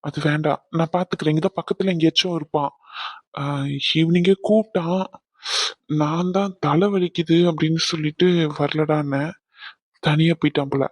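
A gruff young husband in a cartoon who teases his wife and then comforts a crying friend, as a woman voices him. The voice sits a little low. The sound is close and dry. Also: steady tone, normal speed, a little mellow, no echo. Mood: firm. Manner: brusque, comforting. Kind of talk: cartoon voice acting.

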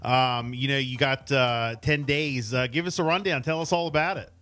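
A middle-aged radio host runs a casual morning interview, chatty, informal and effusive, speaking into a studio mic on a boom arm while wearing a headset. His voice is mid-range and bright with a forceful tone, at normal speed.

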